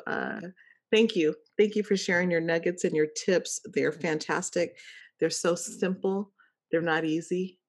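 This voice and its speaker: A woman coach hosting an interview, encouraging and repeating key phrases for emphasis. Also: fairly low pitch. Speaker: life coach and podcast host.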